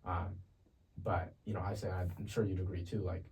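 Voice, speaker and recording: A young man from Ethiopia, a podcast guest, sharing his life story in a relaxed, chatty way. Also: low voice, moderate pace. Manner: relaxed and chatty, laughs easily. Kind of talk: casual testimony. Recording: distant mic with faint ambient noise.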